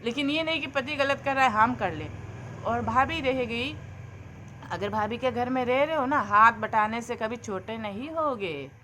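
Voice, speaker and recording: Woman vlogger, young adult, earnest and preachy, fairly high voice, casual talk. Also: unhurried, pushed and bright, slight background noise. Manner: earnest, preachy, addresses viewers as friends. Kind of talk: casual advice monologue.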